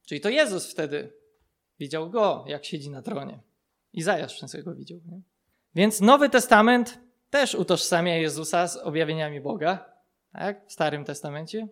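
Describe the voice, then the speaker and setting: A man giving an informal Bible lesson, explaining step by step, often checking in with his listeners and laughing softly. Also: fairly high pitch, lively intonation, moderate pace. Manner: explanatory, frequent checking tags and soft laughs. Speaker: Bible teacher.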